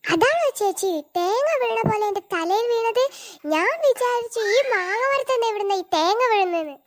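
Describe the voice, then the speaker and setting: A woman's voice: very high voice, expressive, moderate pace. A woman voicing a cheeky younger-sister cartoon girl who talks back. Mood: sassy. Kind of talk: cartoon voice acting.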